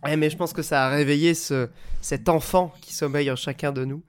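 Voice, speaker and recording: A man's voice: on the high side, steady tone, a little fast, clear, resonant tone. A man hosting a casual video game podcast in a chatty, improvised way, his voice nasal and stuffed up from a cold. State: has a head cold. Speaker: podcast host. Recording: music behind the voice. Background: music.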